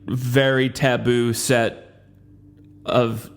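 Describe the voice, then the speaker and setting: A man's voice: mid-range voice, level tone, very slow. A man hosting a podcast in casual chat, joking and teasing his guest and rambling with frequent restarts. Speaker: podcast host.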